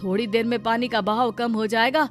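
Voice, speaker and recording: A woman voicing a poor, brave laborer husband in a cartoon story, earnest and quick to exclaim. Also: fairly high pitch, fairly even intonation, faint music behind, lightly acted. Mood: reassuring. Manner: earnest, exclaims "arey" a lot. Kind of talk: Hindi cartoon story dubbing.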